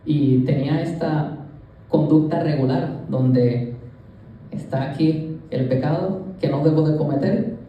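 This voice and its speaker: A man's voice: a little high, measured pace, muffled recording. A young man from Rico, earnestly telling his personal testimony to a church congregation and addressing them directly. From Puerto Rico. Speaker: youth leader giving a church testimony. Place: church sanctuary. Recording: echoey church hall, voice from a distance.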